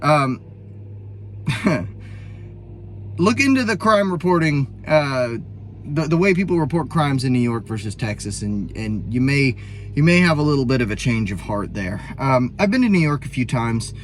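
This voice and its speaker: A man's voice: medium pitch, animated, normal speed, a little hiss or hum. Rambling man in casual commentary. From US Pacific Northwest. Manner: rambling, hesitant, full of ums and self-corrections. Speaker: vlogger reacting to a finance show.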